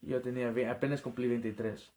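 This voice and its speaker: A man who is an evangelist, giving a personal testimony in an interview in an earnest, halting way, often repeating and restarting his words. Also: mid-range voice, level tone, dark tone.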